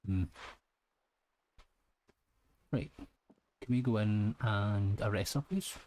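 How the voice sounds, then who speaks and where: A man's voice: fairly low pitch, drawn-out words, darkish tone, slight background noise. A man playing a video game, playful and jokey as he reads dialogue choices and comments. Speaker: let's play host. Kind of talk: gaming commentary, reading choices.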